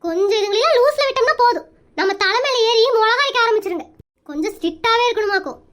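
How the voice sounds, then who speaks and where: A woman's voice: extremely high pitch, expressive, fast, a bit bright. A woman voicing a strict, bossy village mother and wife in a cartoon comedy, scolding in a rural Tamil Nadu accent. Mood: stern.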